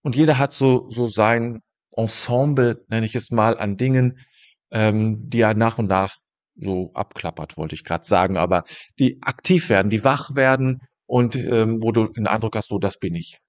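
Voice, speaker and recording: A man teaching about meditation in a calm, thoughtful way, speaking directly to the listener and pausing to rephrase his ideas. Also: on the low side. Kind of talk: reflective spoken teaching monologue.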